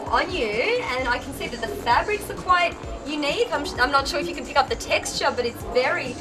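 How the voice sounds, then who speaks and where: A woman's voice: high-pitched, a little fast. A bubbly woman interviewing guests at a fashion event, laughing often. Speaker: fashion show reporter. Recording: music playing behind.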